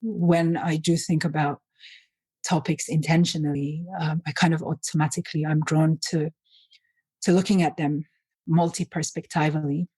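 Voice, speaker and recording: A woman from Finland who grew up in Nigeria, speaking as a guest author in thoughtful, measured interview talk. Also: low-pitched, little pitch movement, dark tone, breathy edge, no echo. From Finland, raised in Nigeria. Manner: thoughtful, measured, with some restarts.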